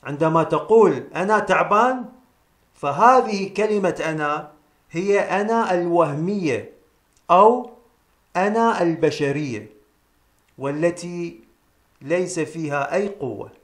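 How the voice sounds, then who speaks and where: A man gives a solemn metaphysical teaching in a somewhat high voice. He repeats his key phrases slowly for emphasis, and the sound rings around an echoey room. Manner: addresses listeners as brothers and sisters. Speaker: presenter of a spiritual self-help series.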